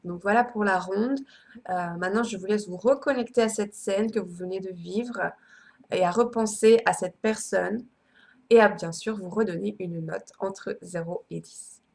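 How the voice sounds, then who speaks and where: A woman coach and psychologist guiding an emotional tapping session, with frequent hesitations and affirmations repeated in a steady rhythm. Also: mid-range voice, normal speed, creaky. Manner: hesitant, many fillers. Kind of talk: guided EFT tapping session.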